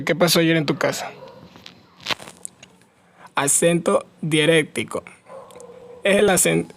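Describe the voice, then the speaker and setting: A man's voice: a little high, a bit bright. A young man, a student, reading a class presentation aloud, going carefully through lists of words. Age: young adult.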